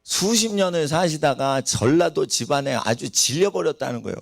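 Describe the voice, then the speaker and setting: A man's voice: a little high, lively intonation, normal speed, creaky, no room sound, studio quality. A man preaching a sermon in a church, asking the congregation rhetorical questions. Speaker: pastor. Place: church sanctuary.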